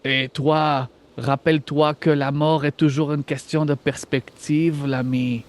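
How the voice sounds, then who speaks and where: A man's voice: a little high, flat delivery, lightly acted. Man doing a menacing AI villain voice. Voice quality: artificial, menacing, slow. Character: villainous AI voice with Franco-German accent.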